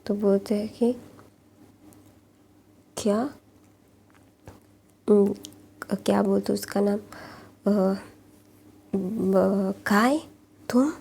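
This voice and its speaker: A woman casually retelling a fan fiction story, halting often with fillers and restarts, and speaking the characters' lines in nearly her own voice. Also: medium pitch, steady tone, gravelly, warm tone, husky.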